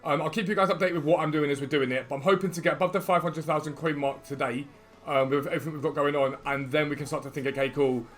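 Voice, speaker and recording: Fast-talking man who says w for r. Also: fairly high pitch, steady tone, soft background music. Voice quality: cannot pronounce R's properly, says w for r. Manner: chatty, informal, addresses viewers directly. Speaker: gaming YouTuber and host. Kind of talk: casual gaming video commentary.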